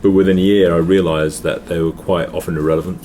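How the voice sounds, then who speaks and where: A middle-aged man from England, speaking with an English accent, chats casually as a guest in a noisy hotel. His voice is low and warm with a level tone, and he talks fast, telling stories that often restart with repeated words.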